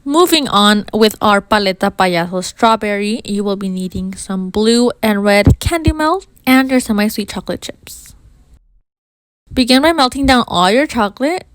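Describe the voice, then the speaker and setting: A woman's voice: medium pitch, expressive, normal speed, dry recording. A woman narrating a how-to baking tutorial in an informal way, with a slight lisp and whistling s. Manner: addresses viewers informally as you guys. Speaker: baking video host.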